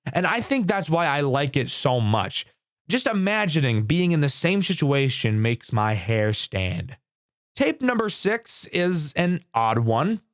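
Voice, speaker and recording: Animated young man reviewing horror games. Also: on the high side, no room sound, clean studio sound. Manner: candid, swears casually. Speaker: gaming YouTuber. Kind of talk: casual game review commentary.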